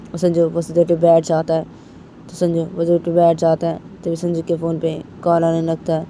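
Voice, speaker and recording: A woman's voice: fairly low pitch, warm tone, slight background noise. A woman narrating a romantic story in a plain, repetitive, casual way.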